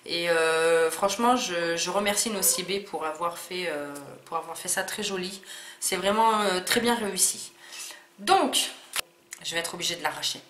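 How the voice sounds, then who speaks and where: A woman's voice: fairly low pitch, normal speed, fairly bright tone. A woman chatting through a casual unboxing vlog, hesitant, with many fillers and restarts. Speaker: beauty vlogger. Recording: echoey room with faint noise.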